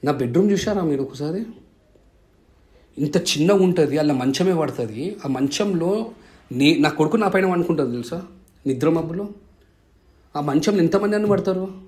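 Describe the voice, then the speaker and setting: A man's voice: on the high side, expressive, normal speed, long pauses, darkish tone. A man, a family vlogger answering viewers' comments in an impassioned, defensive way, full of rhetorical questions.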